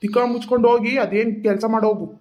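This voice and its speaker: Someone doing a lazy angry village husband, snaps fast, dark mellow tone. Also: medium pitch, steady tone, lightly acted. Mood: angry threatening. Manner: threatening, rapid snapping. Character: lazy hot-tempered village husband, man. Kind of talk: animated village drama voice-over.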